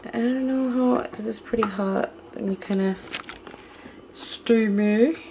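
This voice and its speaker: A woman's voice: on the high side, takes it slowly, mellow, slight background noise. A woman talking casually through her meal prep in a home kitchen, chatty and a little hesitant, often correcting herself. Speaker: vlogger.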